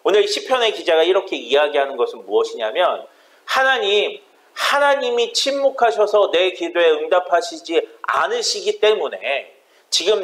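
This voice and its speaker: A man's voice: sits high, a bit bright, low-quality recording. A man preaching a sermon as pastor, impassioned and building to fervent pleading.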